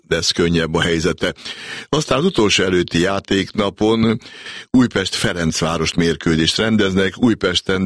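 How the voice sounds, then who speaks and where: A man's voice: sits low, a bit bright, no room sound, studio quality. A man presenting a football round-up, explaining fixtures and standings as a sports show presenter.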